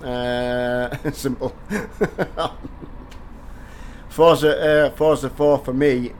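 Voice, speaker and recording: An older game streamer from the north of England, hoarse from a cold, chats casually on a live stream and greets viewers by name. His medium-pitched voice is very slow and fairly even in intonation. He speaks into a headset from his home gaming room with a driving rig, with slight background noise.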